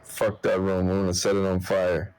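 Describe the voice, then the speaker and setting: Low-voiced man playing a tabletop game. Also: monotone, moderate pace, a little mellow, slight background noise. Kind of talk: casual game chat.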